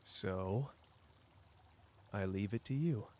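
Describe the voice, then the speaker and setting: In an intimate audio roleplay, a man plays a powerful sorcerer who is cocky yet wounded, teasing the listener directly in a casual tone with pauses. He sounds hurt and confrontational. His voice is on the low side and darkish, with a little hiss or hum in the background.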